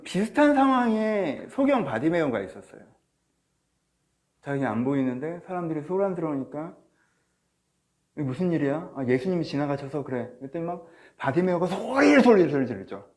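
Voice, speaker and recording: A man preaching a sermon as pastor of a church, animated, swinging from soft asides to loud cries. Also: on the high side, fairly quick. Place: church or small studio, online service.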